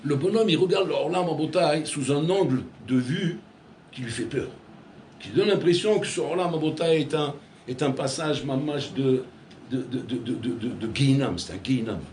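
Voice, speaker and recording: Man, rabbi, lively sermon, words, fairly high voice, echoey room. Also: moderate pace, a little hiss or hum. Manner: storytelling with acted dialogue, swings between loud and hushed. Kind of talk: animated sermon. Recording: echoey room with faint ambience.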